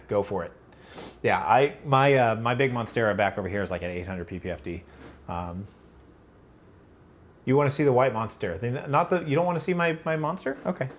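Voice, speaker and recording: A man's voice: fairly low pitch, moderate pace, long pauses. A man hosting a casual livestream Q&A, rambling with lots of fillers and restarts, fighting allergies. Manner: rambling, filler-heavy, self-correcting. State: allergies, about to sneeze. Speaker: livestream host answering chat.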